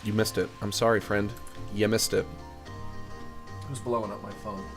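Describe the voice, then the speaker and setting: This man speaks at a normal speed in a fairly low, level voice while streaming video games. His chat is casual and meandering, packed with jokes that make him chuckle. Music plays in the background, and his high-end large-diaphragm studio condenser microphone adds heavy, hissy sibilance.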